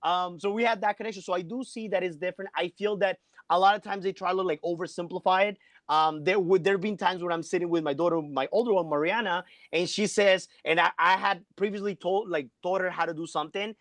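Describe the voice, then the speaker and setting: Chatty man, high and dry. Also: fairly even intonation, fast, fairly bright tone, no echo. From Colombia. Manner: chatty, peppers speech with "like". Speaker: guest, math teacher. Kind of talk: casual interview chat. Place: home basement.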